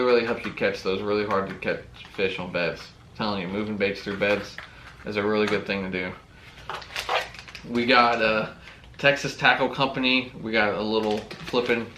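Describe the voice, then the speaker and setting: A man's voice: lowish voice, a bit bright, echoey room. A man hosting a fishing channel, casually unboxing tackle and talking with enthusiasm, often saying "really, really.".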